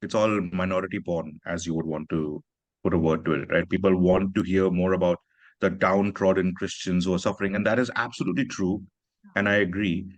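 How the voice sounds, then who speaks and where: On a literary festival stage, a man from Pakistan, an author, talks earnestly and reflectively in a conversational way, sprinkling in "you know" and "right." His voice sits low and carries no echo.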